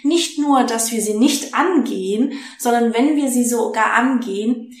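A woman telling stories in a casual interview, animated and excitable. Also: on the high side, measured pace. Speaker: interview guest, podcaster. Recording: echoey room.

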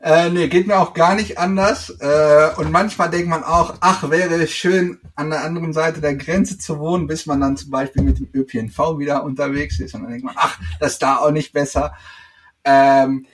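A man's voice: on the high side, fairly even intonation, normal speed. A man, a guest in a casual interview, talking hesitantly with many filler sounds. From Netherlands. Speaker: podcast guest.

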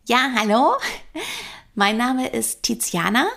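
A woman putting on an insecure, high and pressed little-girl voice that rises at the end of every sentence. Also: slow pace, creaky, a bit bright, full character voice. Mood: unsure. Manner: uptalk, questioning herself.

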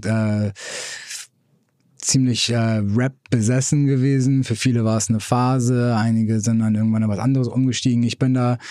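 A man in his thirties, born in Iran and raised in Hamburg, telling his story as a podcast guest in a relaxed, hesitant way with many fillers. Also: medium pitch, dry recording, studio quality. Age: 30s. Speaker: podcast guest, music label executive. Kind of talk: casual interview talk.

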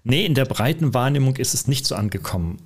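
A man co-hosting a podcast, talking casually in an animated, rambling way with many fillers and restarts. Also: medium pitch, fast talker. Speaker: podcast co-host, lecturer. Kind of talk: casual conversational podcast talk.

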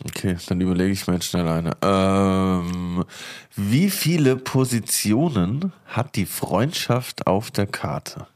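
A man's voice: sits low, slow, a little mellow. A man from southwest Germany with a regional Alemannic-Swabian accent, co-hosting a wine podcast in a laid-back, slangy way. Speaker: podcast co-host. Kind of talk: casual chat.

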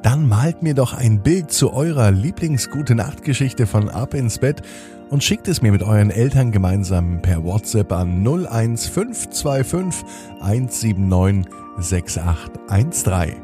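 Low, lively bedtime storyteller man. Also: unhurried, music in the background. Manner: gentle, addresses children directly. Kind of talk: bedtime story narration for children.

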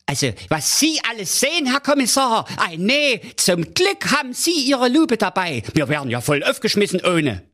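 A high, squeaky king who speaks. He is a hungover, blustering royal father who fusses and exclaims in a comic audio fairy tale. His pitch swings wildly between notes. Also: sing-song, moderate pace, hardly any pauses, fairly bright tone, exaggerated voice. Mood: fussing. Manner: flustered, whiny, exclaiming.

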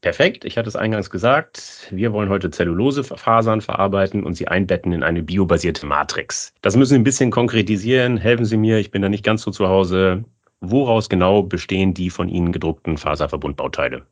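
A man hosting a podcast, reading a smooth, scripted introduction and asking questions. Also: low voice, fairly quick. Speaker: podcast host. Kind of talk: podcast interview.

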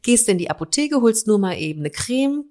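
A woman from Germany hosting a casual interview, lively and joking, firing off several questions in a row. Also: fairly high pitch, a little fast. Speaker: interviewer, host.

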